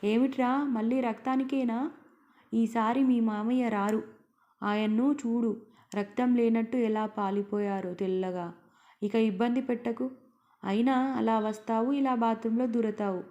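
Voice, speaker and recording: A woman voicing a sharp-tongued, anxious middle-aged wife who nags and mocks her husband in a storybook reading. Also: medium pitch, steady tone, moderate pace, dull audio, lightly acted. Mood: angry scolding. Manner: sarcastic, nagging.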